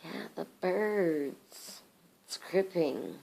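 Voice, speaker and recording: A woman sleep talking in a fairly low, gravelly voice. She rambles in disjointed, nonsensical phrases, drowsy and on the slow side, as if chatting to someone at home at bedtime. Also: lively intonation, a little mellow.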